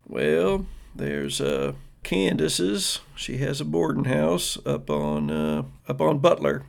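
Stern folksy sheriff, big and protective, gravelly, a man acting it. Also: fairly high pitch, big pitch swings, slow pace, heavily acted. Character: big gruff small-town 1950s sheriff, protective father.

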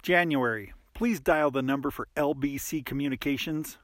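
A man voicing a weary, sarcastic elephant man-creature in an audiobook drama, with a flat, tired delivery. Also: a little high, moderate pace, no room sound, clean studio sound, lightly acted. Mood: plain.

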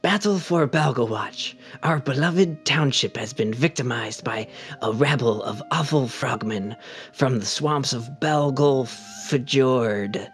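Slow, deliberate man reading aloud. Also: medium pitch, soft background music. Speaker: player. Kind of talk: reading a newspaper aloud in a game.

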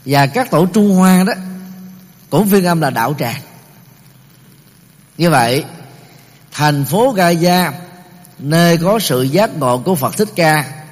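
Slow, measured middle-aged male lecturer. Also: a little high, expressive. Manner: measured, explaining terms one by one, with many pauses and fillers. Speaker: Buddhist lecturer. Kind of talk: explanatory Dharma talk. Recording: long reverb of a large hall.

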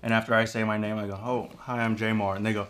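A man's voice: lowish voice, level tone, quick pace, fairly bright tone. A man chatting casually with friends, laid-back and playful, swearing as he talks. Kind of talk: casual chat.

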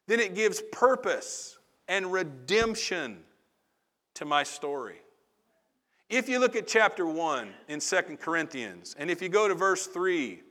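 A man's voice: high voice, pushed and bright. A man preaching a sermon in a conversational, confessional way, with asides to the congregation. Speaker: pastor.

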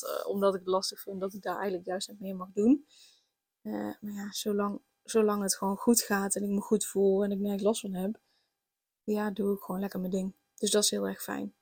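A woman's voice: mid-range voice, darkish tone, dry recording. A pregnant young woman, hosting a casual solo podcast, rambling with many fillers and restarts. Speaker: podcast host.

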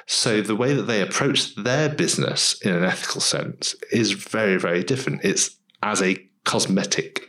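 A man's voice: fairly low pitch, moderate pace, hardly any pauses, sharp tone, poor audio. A man co-hosting a podcast, speaking thoughtfully and often restarting his sentences. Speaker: podcast co-host, dental associate. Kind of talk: casual podcast discussion.

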